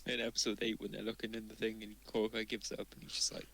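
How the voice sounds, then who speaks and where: A man's voice: on the low side, completely flat delivery, quick pace, gravelly, a bit bright, slight background noise, poor audio. A man co-hosting a podcast, laid-back with short dry remarks. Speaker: podcast co-host. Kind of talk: casual chat.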